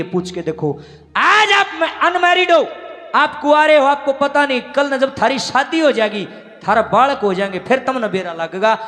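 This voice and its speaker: High-voiced Haryanvi folk preacher. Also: male voice, fairly bright tone. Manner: emphatic preaching address. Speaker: devotional singer and storyteller. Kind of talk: religious folk storytelling to an audience. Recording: long reverb in a large hall.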